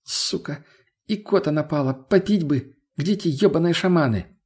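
A man's voice: fairly high pitch, a little mellow, husky, voice pushed up. Man doing a snappy foul-mouthed young woman. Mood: irritated. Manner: snappy, crude, quick to swear.

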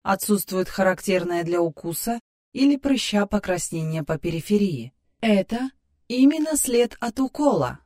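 Спокойная, точная женская помощница, которую озвучивает мужчина-чтец говорит отстранённо и по-медицински сухо. Голос поднят заметно выше обычного, мягкий и приглушённый по тембру. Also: male voice, sits high, very animated, moderate pace, dark tone, pitched above the performer's own voice. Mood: clinical, composed. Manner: detached clinical wording. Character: calm precise female assistant, clinical.

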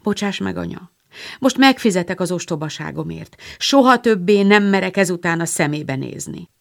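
A woman reading the part of a gentle older teenage sister, speaking hesitantly and apologetically. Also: fairly low pitch, animated, creaky. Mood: ashamed.

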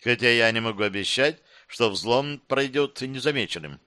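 A man's voice: mid-range voice, animated, normal speed, sharp tone, dry recording, studio quality. Man voicing a metallic, processing female ship AI. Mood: computer processing. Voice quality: metallic, toneless, clipped. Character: female ship AI hologram, processing in cold machine mode. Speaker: audiobook narrator. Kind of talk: reading a sci-fi novel aloud.

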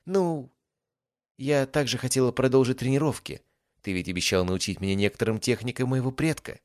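A man's voice: mid-range voice, brisk, darkish tone, no room sound, studio quality, voice pushed up, close to an everyday voice. A man voicing a haughty, teasing young noblewoman from a distant empire, in a sly, mocking lilt. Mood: playful. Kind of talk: audiobook character voice.

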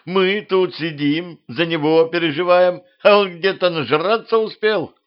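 A man voicing a bossy, quarrelsome female vampire queen in a homemade audiobook, in a shrill, indignant voice. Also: measured pace, highs cut off, natural voice.

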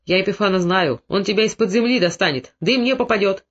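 A man's voice: high-pitched, fast, fairly bright tone. A man reading the part of a blunt, forthright Cossack father speaking earnestly. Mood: scolding. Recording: dull lo-fi recording.

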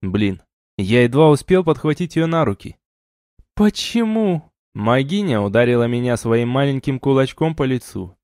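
Man, mid-pitched, measured audiobook narration, dry booth, no room sound. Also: a little mellow, no echo. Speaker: audiobook reader. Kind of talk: first-person fantasy audiobook narration.

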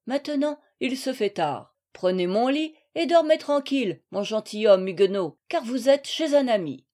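A woman's voice: on the high side, animated, normal speed, dark tone, close to an everyday voice. A woman voicing a bold, jovial male knight who teases his guest with mock gallantry, in an audiobook reading.

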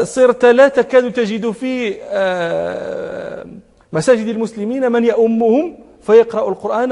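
A man delivers a religious lesson in a strikingly high voice. He presses his points by repeating words and chants the verses he quotes. His voice rings through a hall with a long reverb. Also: darkish tone. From Morocco. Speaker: sheikh teaching hadith commentary.

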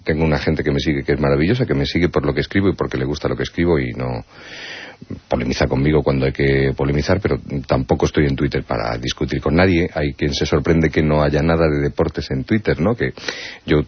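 A man's voice: very deep voice, fast, husky, dry recording. A man, a guest poet, talking reflectively in a radio interview, often tagging his points with a questioning "no?". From Spain. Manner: reflective, wordplay-loving, frequent rhetorical "¿no?". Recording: dull radio broadcast sound.

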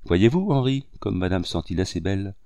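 A man's voice: sits low, expressive, normal speed, dark tone, dry recording. A man reading aloud and voicing a gracious homebound wife, affectionate and lightly ironic. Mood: admiring.

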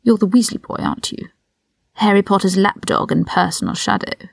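A woman's voice: medium pitch, fairly quick, creaky, dry recording, studio quality. A woman voicing a cold, sneering aristocratic older man who speaks in a hissing whisper, in a whispered role-play from a read-aloud story. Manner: condescending, cutting.

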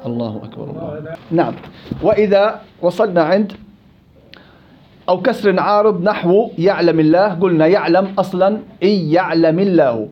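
A man teaching a live Quran recitation class in Levantine Arabic, questioning students and drilling examples slowly and repeatedly. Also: fairly high pitch, lo-fi sound.

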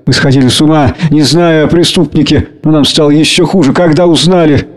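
A man voicing a grim, stern middle-aged mother who speaks slowly and heavily, giving orders. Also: on the high side, lightly acted. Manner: slow, heavy, commanding.

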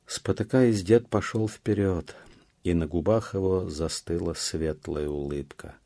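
Медленный низкий мужской голос чтеца. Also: male voice, deep voice, mellow, no echo. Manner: measured, slow, dramatic. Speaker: audiobook reader. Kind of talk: scripted literary narration.

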